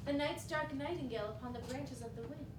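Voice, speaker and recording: A woman's voice: sits high, quick pace, close to an everyday voice. A young woman acting a longing lover, reciting poetic lines on a stage recorded from far off with an echoing, noisy room. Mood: wistful. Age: young adult.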